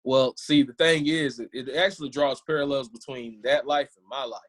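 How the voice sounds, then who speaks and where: A man in a mid-range voice talks as a guest on a podcast. He is a football coach and shares stories in a relaxed, easygoing manner. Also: medium pitch, normal speed. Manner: easygoing storyteller. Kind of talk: casual interview chat.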